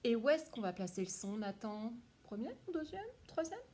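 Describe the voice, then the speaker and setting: A woman's voice: a little high, big pitch swings, moderate pace, dark tone, a little hiss or hum. A woman, a primary school teacher, giving a phonics lesson to young children and praising each one by name.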